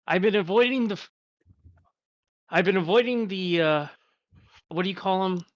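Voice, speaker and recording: A man's voice: high voice, normal speed, highs cut off. A man playing a tabletop role-play game, talking casually and joking about his character's bluffing. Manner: chatty, laughs at his own bluffing. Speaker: player.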